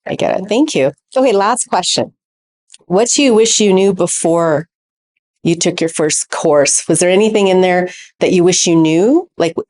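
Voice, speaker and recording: A woman's voice: on the low side, darkish tone. A woman moderating a Q&A panel, reflecting on the answers and posing questions. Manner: reflective, affirming, asks questions. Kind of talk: hosting a Q&A panel.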